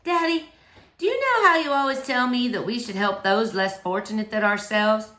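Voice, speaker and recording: A woman's voice: on the high side, moderate pace, pushed and bright. A woman voicing an earnest young storybook girl with an eager, emphatic, pleading manner. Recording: roomy, echoey indoor sound.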